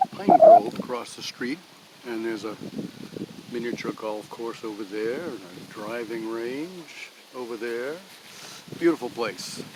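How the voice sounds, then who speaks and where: An older man chatting casually in a homey, rambling way at a picnic table in a pine grove, recorded on a phone. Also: mid-range voice. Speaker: vlogger. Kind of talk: casual outdoor vlog. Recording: outdoor phone recording with clear background noise. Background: breeze, traffic and rustling leaves.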